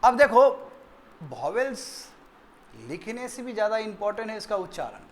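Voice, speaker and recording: A man's voice: high-pitched, sing-song, moderate pace, a little hiss or hum. A man with an Indian English accent teaching a grammar lesson in a classroom, quizzing students and repeating their answers.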